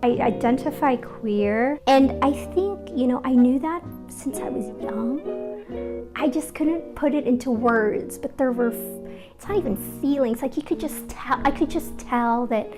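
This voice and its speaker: A woman's voice: sits high, unhurried, music in the background. A woman from the Philippines talking candidly and reflectively in a documentary interview, telling personal stories in a casual way. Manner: candid and conversational, reflective, with fillers and laughs. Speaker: interviewee, arts organizer.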